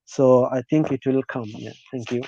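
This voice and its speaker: Halting male host. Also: medium pitch, fairly even intonation, mellow, a little hiss or hum. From Bangladesh. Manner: halting, many fillers and restarts. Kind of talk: casual interview chat. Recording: dry, slightly muffled audio.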